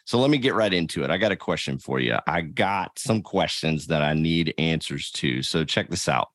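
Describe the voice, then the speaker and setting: Introducing the guest on his interview podcast, the host sounds casual and upbeat as he reads through ad copy. His voice is extremely low but a bit bright and animated, moving at normal speed. The studio-quality recording has no echo.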